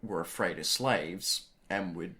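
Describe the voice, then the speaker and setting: A man co-hosting a podcast, telling animated stories in casual chat and swearing freely. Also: low-pitched, unhurried. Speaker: podcast co-host.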